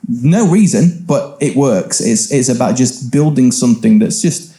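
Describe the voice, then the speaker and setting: A man speaking as a panel expert at a live event, explaining briskly and swearing casually. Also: mid-range voice, lively intonation, gravelly, dark tone, roomy sound. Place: event venue with live audience.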